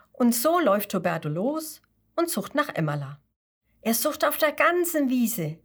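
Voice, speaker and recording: A woman narrating a children's story in a slow, gentle way. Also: medium pitch. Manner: slow and gentle, with lively voices.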